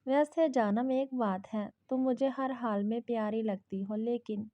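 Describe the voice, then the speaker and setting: A woman voicing a devoted young husband who soothes and teases his wife gently, in a dull lo-fi recording. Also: a little high, dry recording, lightly acted. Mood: teasing. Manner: tender, coaxing, playful teasing.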